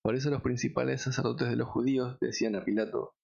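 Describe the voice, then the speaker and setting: A man reading scripture aloud in a measured, solemn way. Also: medium pitch, little pitch movement, vocal fry, darkish tone, dull audio. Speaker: Bible reader.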